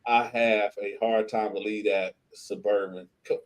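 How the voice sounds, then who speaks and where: A man from Flint, Michigan, a guest streamer who tells lively, slangy stories and laughs often. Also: on the low side, unhurried, poor audio. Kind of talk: animated storytelling in a podcast chat.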